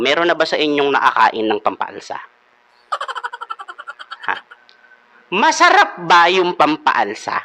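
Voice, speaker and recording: A man's voice: fairly high pitch, pushed and bright. A man hosting a comedic devotional talk, playfully quizzing his listeners and switching into English. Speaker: devotional host.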